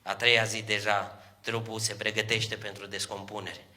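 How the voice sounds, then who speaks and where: A man preaching an evangelistic sermon, telling stories and acting out dialogue, rising to loud drawn-out peaks and speaking directly to the congregation in a church. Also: lowish voice, flat delivery. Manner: storytelling that climbs to shouted, drawn-out peaks; acts out quoted dialogue, addresses the congregation directly.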